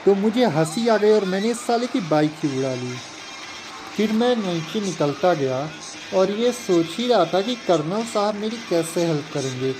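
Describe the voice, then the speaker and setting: A man's voice: high-pitched, animated, normal speed, background noise. A man casually narrating a game story as a chatty, slangy storyteller. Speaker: gameplay narrator. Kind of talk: storytelling over game footage.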